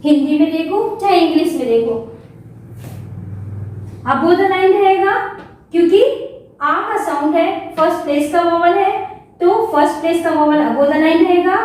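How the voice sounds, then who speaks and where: A woman shorthand teacher giving a classroom lesson, slowly sounding out each vowel and repeating it. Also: very high-pitched, a little mellow, heavy reverb, far from the mic, slight background noise. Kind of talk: classroom lesson, explaining step by step.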